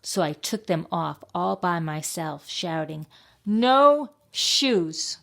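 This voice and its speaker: A woman reads a picture book aloud to young children in a slow, expressive storytime voice. Her tone is low and a little gravelly. Every line is drawn out carefully. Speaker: librarian reading to children.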